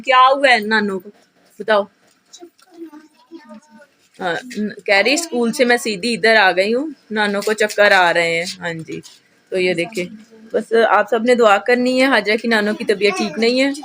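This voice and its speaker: A woman's voice: medium pitch, a bit bright, slight background noise. A woman vlogging at home as a mother, chatting casually and speaking straight to her viewers.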